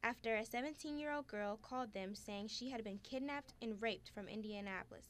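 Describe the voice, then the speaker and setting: A woman's voice: a little high, brisk. A woman narrating a scripted news report as a reporter.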